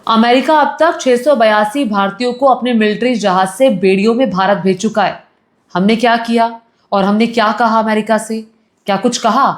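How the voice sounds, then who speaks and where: A woman delivers opinion news commentary straight to camera. Her voice sits a little high, and she talks with indignation, pressing one rhetorical question after another. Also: fairly even intonation, moderate pace.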